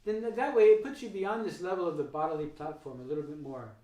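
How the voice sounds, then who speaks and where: A man's voice: on the high side, fast, mellow, far from the mic. Chatty man in an echoey room. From United States. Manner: rambling, thinks aloud with many fillers and restarts. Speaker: economics and philosophy host. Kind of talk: casual conversational interview.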